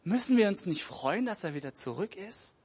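A man voicing a calm, loving older father who speaks gently and quietly to his son. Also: high voice, normal speed, husky, voice pushed up, exaggerated voice. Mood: calm tender.

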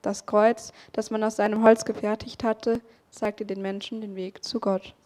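A woman narrating a storybook with a calm, steady voice. She reads expressively, slowing down at key turns of the story. Her pitch sits in an ordinary middle range. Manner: calm, expressive read-aloud. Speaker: story reader.

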